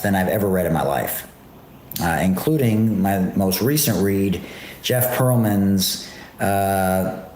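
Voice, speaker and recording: A man's voice: lowish voice, a little mellow, slight background noise. Guy rambling on a livestream from his kitchen and art studio, super echoey room, lots of uhs and ums. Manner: laid-back, rambling, with frequent fillers. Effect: echoey room reverb on the voice. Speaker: podcast host and online shop seller. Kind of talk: casual livestream chat. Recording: echoey room with faint background ambience.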